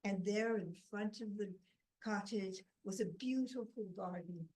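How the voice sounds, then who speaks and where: Woman folk-tale teller, unhurried, distant mic. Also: mid-range voice, a little mellow. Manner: deliberate, drawn-out storytelling. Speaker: storyteller. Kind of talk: folk tale told to an audience.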